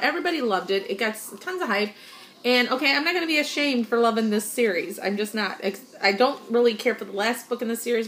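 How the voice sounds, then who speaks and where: A woman's voice: on the high side, fairly bright tone, a little hiss or hum. A middle-aged woman hosting a casual chat about books, talking frankly and emphatically, often laughing. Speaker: host.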